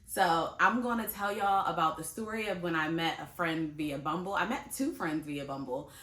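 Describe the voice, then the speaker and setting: Low-pitched, bright and forceful, this vlogger in her late twenties talks at a normal speed in an echoey room. She's casual and chatty with her audience, addressing them directly and laughing easily.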